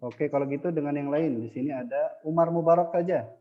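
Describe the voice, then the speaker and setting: A man's voice: on the high side, a little fast, long reverb tail, narrow, tinny audio. A male teacher running an online Arabic lesson, patient and adding a short "ya" after most phrases.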